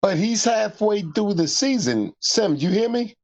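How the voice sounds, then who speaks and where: Lively, slangy man on sports talk. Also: high voice, unhurried. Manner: laid-back, slangy, animated. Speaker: co-host or guest.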